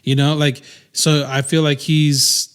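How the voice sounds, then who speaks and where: A man's voice: a little high, little pitch movement, measured pace, a bit bright, smooth. A man in his thirties co-hosting a podcast in casual chat, rambling with many restarts and fillers. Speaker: podcast co-host.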